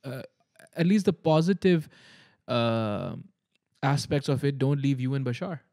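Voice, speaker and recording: A man's voice: mid-range voice, unhurried, warm tone, no echo, clean studio sound. A man hosting a casual conversation, emphatic and repeating words, with some Urdu phrases mixed in. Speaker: podcast host.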